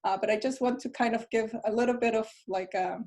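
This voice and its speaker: Woman from Chile, slightly high voice, panelist presenting, friendly, light laughs, video-call mic. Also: fairly even intonation, fairly quick, a little mellow. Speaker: panelist and physics professor. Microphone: computer mic on a video call.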